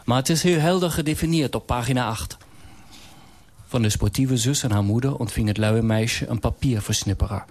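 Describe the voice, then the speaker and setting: A man's voice: mid-range voice, moderate pace, a little mellow. A man narrating a Christmas story on radio in a dry, ironic manner.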